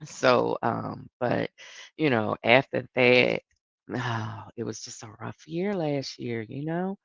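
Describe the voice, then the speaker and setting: Woman host; very deep, gravelly, unhurried storyteller on a dry, dull lo-fi video call. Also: dry recording. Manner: storytelling, laughs often, grows sombre. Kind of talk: live casual chat.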